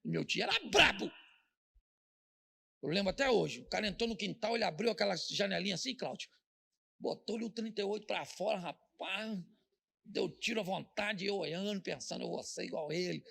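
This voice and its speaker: A man's voice: high voice, brisk, gravelly, bright, forceful tone. A middle-aged man with a Brazilian Portuguese accent, a pastor preaching a humorous sermon, joking and telling stories as he acts out the voices of the people in them.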